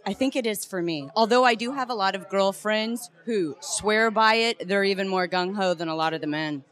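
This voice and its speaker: A woman's voice: medium pitch, moderate pace, a bit bright. A woman being interviewed as an actress on a premiere red carpet, talking in a gushing, emphatic way.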